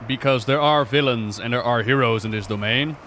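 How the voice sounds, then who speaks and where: A man's voice: medium pitch, brisk, fairly bright tone, a little hiss or hum. A man giving casual livestream game commentary, rambling and musing aloud in a playful way. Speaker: game streamer and lore commentator. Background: game music and effects.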